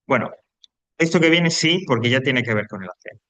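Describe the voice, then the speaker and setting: A man's voice: mid-range voice, expressive, brisk, bright, forceful tone, dry recording. A man from teaching a grammar lesson, explaining patiently, repeating points and checking in with his students. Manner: explanatory, repeats himself, frequent tag questions.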